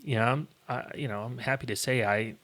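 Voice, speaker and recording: A man talking with friends on a casual podcast, his voice bright and mid-pitched. He is chatty and laughs along easily with the others. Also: a little fast. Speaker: podcast co-host. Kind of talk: casual discussion.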